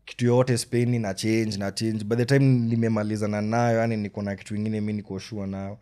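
Fast-talking man with a Kenyan accent. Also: on the low side, level tone, warm tone, smooth. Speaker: rapper and songwriter. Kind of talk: casual conversation.

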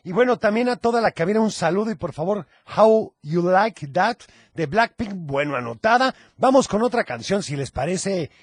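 A husky, slightly high Mexican man hosts a children's radio program, his pitch bouncing widely as he reads greetings and banters with young callers. He sounds playful and teasing, and the sound is close and dry. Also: lively intonation, normal speed, no echo. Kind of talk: lively kids' radio chat.

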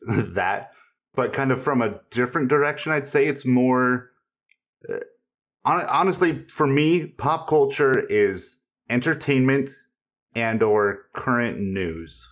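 A man's voice: medium pitch, animated, takes it slowly. A man co-hosting a casual podcast, speaking hesitantly with restarts. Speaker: podcast co-host. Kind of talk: casual roundtable chat.

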